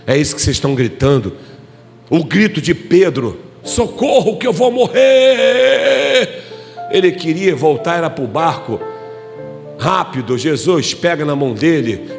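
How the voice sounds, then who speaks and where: Fervent pastor in an echoing church. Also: male voice, fairly high pitch. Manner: fervent preaching, swinging from shouted climaxes to hushed pleading. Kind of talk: sermon. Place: church hall. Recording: reverberant church hall with music behind.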